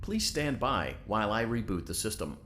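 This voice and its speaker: A man's voice: lowish voice, big pitch swings, normal speed, fairly bright tone, slight background noise. A man voicing a polite automated computer assistant in a video game, giving scripted instructions in a synthesized system voice. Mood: chipper. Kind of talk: video game character voice, played during a playthrough.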